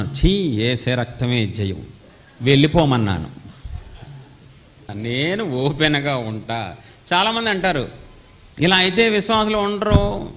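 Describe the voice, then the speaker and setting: Man, forties, pastor, forceful dramatic sermon, echoey hall. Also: medium pitch. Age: 40s. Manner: forceful, dramatic preaching with acted quotes. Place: church meeting hall.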